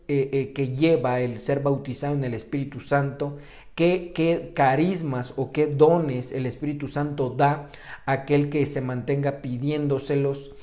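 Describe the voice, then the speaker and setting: A man with a Mexican Spanish accent preaching and praying to a remote congregation, hesitant with many fillers and restarts, often clearing his throat. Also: medium pitch, mellow. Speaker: pastor. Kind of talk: sermon and prayer. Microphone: online stream to a remote congregation.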